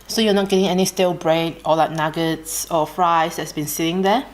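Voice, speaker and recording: An Australian woman chatting casually while she eats, relaxed and unhurried, pausing between bites with soft hums. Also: fairly low pitch. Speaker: mukbang vlogger. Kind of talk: casual chat while eating.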